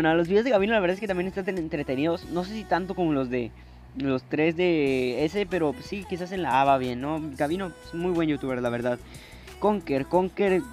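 A teenage boy from northern Mexico with a northern Mexican accent, rambling through casual gaming commentary in slang, with plenty of swearing, fillers and apologies. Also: fairly high pitch. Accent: northern Mexican Spanish. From Nuevo León, Mexico. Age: teens. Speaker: YouTuber.

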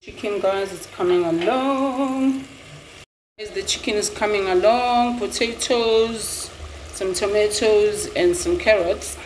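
A woman's voice: medium pitch, slow pace, a little mellow. A middle-aged woman, chatting casually in a vlog and often calling out to "guys". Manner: chatty, keeps saying "guys". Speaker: lifestyle vlogger. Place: airport terminal, then home kitchen. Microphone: phone at arm's length. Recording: phone video with crowd and background noise.

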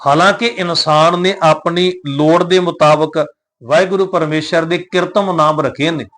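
Male scripture teacher with a slightly high voice. He recites verses slowly and explains each word in a measured way, often speaking to the listeners directly. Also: steady tone, fairly bright tone. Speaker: Gurbani teacher.

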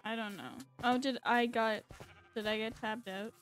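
A woman hosting a casual game tour, talking in a relaxed, chatty way with lots of ums, and her S sounds come out like a lisp. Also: on the high side, moderate pace, very noisy. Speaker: channel host giving a game tour. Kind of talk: casual gaming chat.

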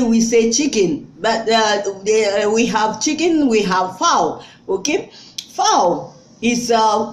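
A woman teaching a vocabulary lesson, saying each word slowly and repeating it. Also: fairly high pitch, echoey room, rough recording. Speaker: language teacher. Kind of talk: slow vocabulary lesson with repetition.

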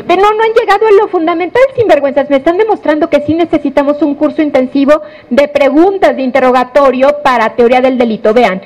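High-voiced woman lecturing. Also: low-quality recording. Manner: animated, questions audience, calls listeners "corazón". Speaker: law lecturer.

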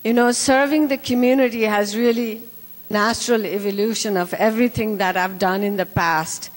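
A woman's voice: mid-range voice, fairly even intonation, normal speed. A woman from Nepal giving a formal, gracious debate closing statement on a handheld mic. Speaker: state house candidate. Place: large indoor community hall. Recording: long hall reverb.

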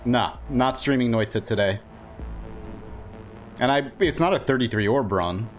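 A man's voice: mid-range voice, unhurried, soft background music. A man doing casual live gameplay commentary, rambling informally and reacting aloud as he streams. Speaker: game streamer. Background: game ambience.

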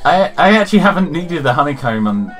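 A man's voice: a little high, big pitch swings, brisk, fairly bright tone, faint music behind. A man playing through a game in casual chat, hesitant and muttering, with blunt swearing. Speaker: player on a co-op playthrough.

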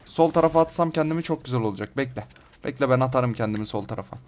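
A man hosting a gaming channel, giving excited live commentary on his own play with rough banter aimed at his viewers. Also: medium pitch, racing.

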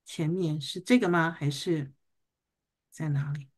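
A woman's voice: sits low, steady tone. Patient woman teaching pronunciation online. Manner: patient, encouraging, drills words slowly. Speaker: English teacher. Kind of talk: online class coaching pronunciation. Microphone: video call.

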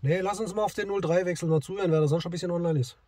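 Sitting in a parked car in a forest, a man from the Southwest, an amateur CB radio operator and vlogger, chats casually and comments while testing his radio. His voice sits high and steady but races along, and the recording is clearly noisy with loud radio static and hiss.

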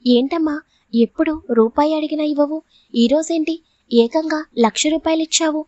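A sly, greedy middle-aged father with a drinking habit wheedles and mocks, as a woman reading the story gives him voice. The tone stays high, the sound is dry and dull. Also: moderate pace, a little mellow, no echo, natural voice. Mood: mocking. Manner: smug, wheedling. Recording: dull lo-fi audio.

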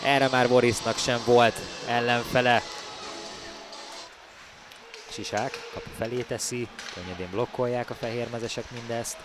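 A man giving excited ice hockey commentary, with his voice rising loudly for the big plays. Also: medium pitch, pauses often, music in the background. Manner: bursts into loud, raised calls on goals.

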